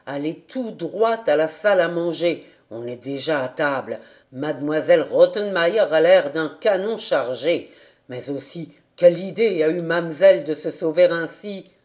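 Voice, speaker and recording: A woman's voice: sits low, animated, measured pace, a little mellow, voice pushed down. A woman reading an audiobook voices a male servant who urges a child to hurry. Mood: urgent. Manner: urgent, hurrying. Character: hurried male servant, urgent and cheeky.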